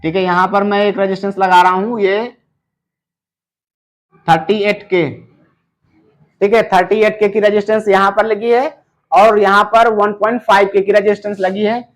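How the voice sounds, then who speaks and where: A man teaching amplifier repair step by step, often pausing on "theek hai" and addressing viewers as friends. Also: high voice, flat delivery. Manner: explains slowly, filling gaps with "theek hai" and "doston". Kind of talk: step-by-step technical tutorial.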